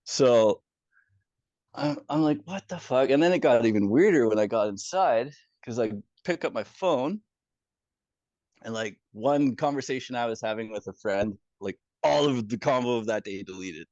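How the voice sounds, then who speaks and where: Male guest, mid-pitched, casual storyteller, animated, salty language, dull lo-fi dry recording. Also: moderate pace, no echo. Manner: animated, swears freely, chuckles through his story. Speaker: former community moderator telling his story. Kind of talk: casual first-person storytelling. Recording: dull, dry, somewhat lo-fi sound.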